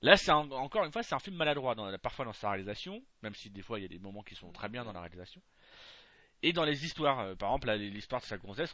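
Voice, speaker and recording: A man's voice: on the low side, sharp tone, dry recording. A man commenting casually on a film with a co-host, joking crudely and restarting his sentences often.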